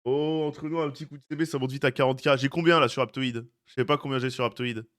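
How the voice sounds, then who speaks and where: A young man streams live, chatting casually and fast with his viewers in a steady, mid-range, slightly bright voice. He greets people in chat by name, teases them, and throws in jokey asides.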